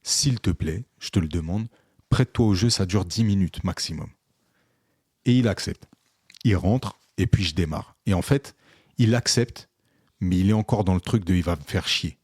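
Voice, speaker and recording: A man's voice: sits low, moderate pace, slightly rough, no echo, clean studio sound. A man telling a long story in casual podcast chat, acting out dialogue with lots of fillers. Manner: animated, re-enacts dialogue with many fillers. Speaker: podcast co-host, photographer.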